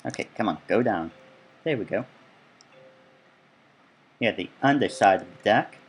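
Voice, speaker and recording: A man's voice: lowish voice, expressive, measured pace, breathy edge. A man giving casual, rambling gameplay commentary as he tours his own build, full of chatty asides. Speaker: let's play gamer.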